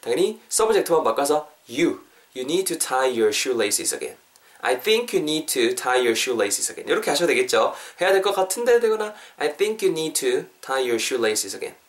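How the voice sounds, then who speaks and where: A man hosting a casual English lesson podcast, lively and playful, acting out little everyday scenes. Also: a little high, takes it slowly. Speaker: English teacher and podcast host. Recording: voice a bit far from the mic.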